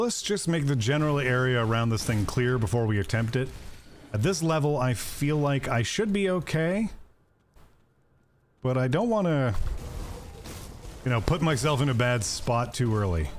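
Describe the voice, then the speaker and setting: A man talks through a video game as he plays, chatting with viewers and tossing in jokes. His voice is of middling pitch but swings up and down a lot. A faint hiss sits under the recording. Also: lively intonation, moderate pace. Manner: chatty, joking asides to viewers. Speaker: gaming streamer. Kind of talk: casual gameplay commentary.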